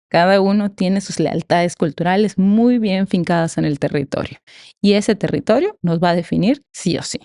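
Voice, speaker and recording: A woman's voice: mid-range voice, warm tone, dry recording, studio quality. A woman with a Mexican Spanish accent explaining ideas conversationally as an academic podcast guest, emphatic and given to rhetorical questions.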